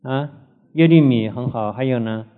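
A man's voice: mid-range voice, normal speed, narrow, tinny audio. A man lecturing a Bible class in an earnest teaching manner, often adding filler particles and asking the students questions.

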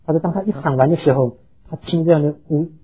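Very husky man preaching a sermon. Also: on the high side, fast, phone-quality sound. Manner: earnest, addresses the congregation, tells stories, hesitant fillers. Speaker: pastor.

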